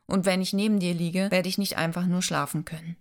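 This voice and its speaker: A woman voicing a gentle, playful young man in love, reading his lines softly in an audiobook. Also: on the low side, fairly even intonation, a little fast, lightly acted. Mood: tender, teasing. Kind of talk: audiobook dialogue.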